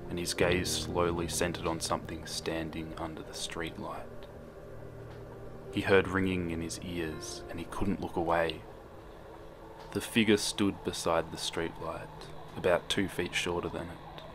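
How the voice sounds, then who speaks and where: Casting: somber male storyteller, very low and monotone, reading a scripted horror tale. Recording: background music.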